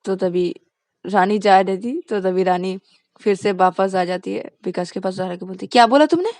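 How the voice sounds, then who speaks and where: A woman's voice: mid-range voice, little pitch movement, normal speed, a little mellow, no echo, studio quality. A woman narrating a romance story in a plain, casual, repetitive way. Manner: plain, repetitive, linking lines with "to tabhi".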